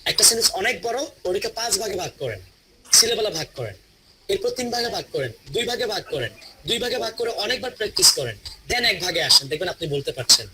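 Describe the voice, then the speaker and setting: A man with a Bangladeshi Bengali accent teaching English pronunciation in a classroom, slowly drawing out model phrases for students to repeat. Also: high-pitched, big pitch swings, heavy background noise. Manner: slow, drawn-out model phrases for repetition. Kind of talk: classroom lesson.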